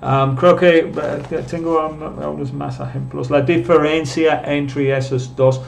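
Slow, patient male teacher. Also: fairly high pitch, steady tone, creaky, a little hiss or hum. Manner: patient, explains step by step and reads out viewer comments. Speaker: English teacher. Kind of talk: live online lesson.

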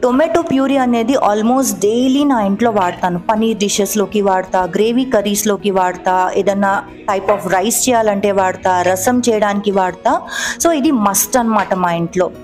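A woman's voice: mid-range voice, moderate pace, darkish tone, faint music behind. A woman in her thirties or forties narrating her cooking vlog in a chatty, explanatory way, explaining each step as she goes. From Telugu-speaking India. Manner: chatty, explanatory, mixing English words into Telugu. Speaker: cooking vlogger. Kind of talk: voice-over narration of a cooking video.

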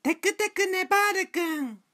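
A woman doing a very high cutesy mascot narrator. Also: moderate pace, sharp tone, a little hiss or hum. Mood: upbeat. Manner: ends sentences with a cute verbal tic. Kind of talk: scripted narration of short stories. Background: light background music.

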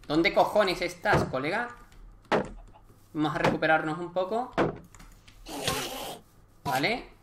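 A young man with a Spain Spanish accent doing live gameplay commentary, chatty and excitable, swearing and joking in slang. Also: fairly high pitch, slow pace, pauses often, heavy background noise. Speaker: gaming YouTuber.

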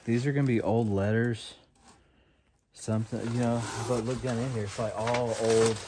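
Guy in his 30s, excited rambling unboxing chat, normal pitch, lots of background noise. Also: moderate pace. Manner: excited, rambling, talks to viewers as y'all. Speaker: storage unit reseller host. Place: cluttered storage room full of boxes, indoors.

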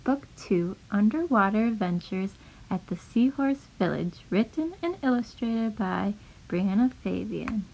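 A woman reading her own children's picture book aloud in a gentle, clear, even storytelling voice. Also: mid-range voice, a little slow, poor audio. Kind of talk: storybook read-aloud narration.

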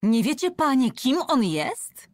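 A bold young woman bluffing her way past soldiers, her voice pitched high and urgent, as a female narrator puts her on. The delivery is slow and close, with no room sound at all. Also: big pitch swings, no echo. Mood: agitated, defiant. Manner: agitated, raised and pleading.

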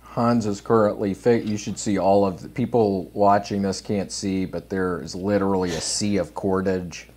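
A man guesting on a live podcast in a hotel room, joking crudely and getting animated in casual banter. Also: low-pitched, moderate pace, few pauses, slight background noise.

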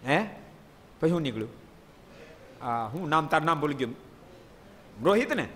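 A man giving a devotional storytelling sermon in a hall, lively and often quizzing his listeners with playful asides. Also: fairly high pitch, normal speed, a little hiss or hum. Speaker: preacher. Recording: long hall reverb.

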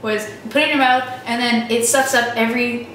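A young adult woman, a giggly and nervous challenge vlogger, chats casually in her home kitchen. Her fairly bright voice is a little high and a little fast, with little pitch movement. A camera mic a few feet away picks up an echoey kitchen sound and background noise.

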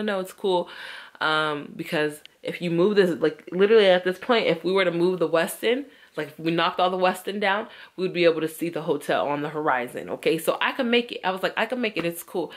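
A woman's voice: fairly low pitch, fast. A young woman vlogger telling a story casually, acting out quoted voices and swearing freely.

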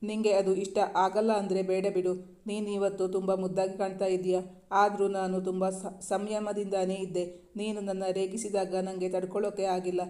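A man's voice: high-pitched, a little mellow, natural voice. A man voicing a young male lover in a romance storybook, who teases and then speaks tenderly.

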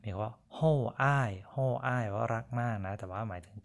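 A man's voice: on the low side, fairly quick, clean tone. A man giving a casual language lesson, patiently repeating each word and explaining it with polite endings. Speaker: Chinese language teacher.

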